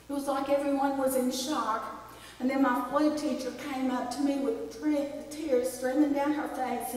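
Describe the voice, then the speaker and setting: A woman's voice: on the high side, slight background noise. Older woman pastor preaching in a reverberant church. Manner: storytelling, reflective, then prayerful. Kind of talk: sermon. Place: church sanctuary. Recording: echoey church hall, distant mic.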